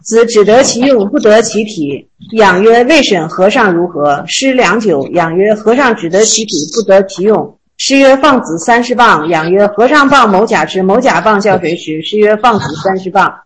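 A woman teaching Zen koans to a small group. She reads the classical lines slowly, then retells them in a chatty, joking way. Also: mid-range voice, animated, low-quality recording. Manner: slow, measured reading of classical text, then chatty colloquial retelling; laughs and jokes with listeners.

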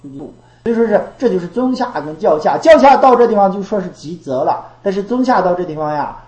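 A woman's voice: medium pitch, expressive, fairly quick, darkish tone, reverberant, low-quality recording. A woman giving a Buddhist dharma talk. She repeats her phrases and asks rhetorical questions. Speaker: Buddhist teacher.

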